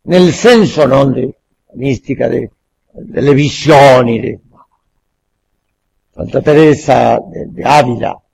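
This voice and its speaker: A man giving a public lecture in Italian, haltingly searching for words and repeating phrases for emphasis. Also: mid-range voice, creaky, darkish tone, husky. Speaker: guest lecturer. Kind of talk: public lecture with questions and answers.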